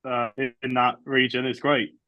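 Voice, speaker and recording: A man's voice: mid-range voice, level tone, normal speed, dry recording, highs cut off. A man in a band, talking casually over a video call that sometimes cuts out, often repeating words as he starts a sentence. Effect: heard over a video call that cuts out. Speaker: band member. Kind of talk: casual interview chat.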